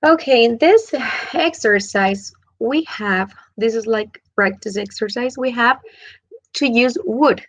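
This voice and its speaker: A woman teaches English grammar, stepping slowly through each example. Her voice sits a little high with a gravelly edge. The sound is dry and somewhat dull. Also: dry recording. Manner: switches between Spanish and English, slow over example sentences. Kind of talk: online grammar lesson.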